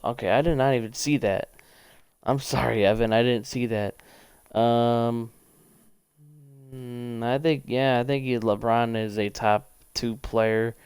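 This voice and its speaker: A young man livestreaming a football video game, thinking aloud in casual, rambling commentary that speeds up in quick bursts. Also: medium pitch, a little mellow, smooth, dry recording.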